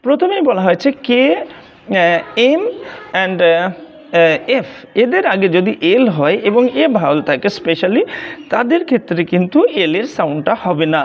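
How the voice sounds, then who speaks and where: A teacher giving a video lesson on pronunciation, hesitating often and repeating words slowly to demonstrate them. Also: mid-range voice, big pitch swings. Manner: hesitant, many filler sounds and restarts. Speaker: English teacher. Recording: dull lo-fi recording.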